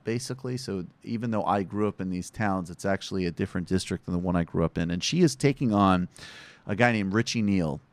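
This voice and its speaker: A man's voice: deep voice, no echo. A man from western Massachusetts hosting a podcast, giving conversational political commentary with wry asides. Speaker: podcast host.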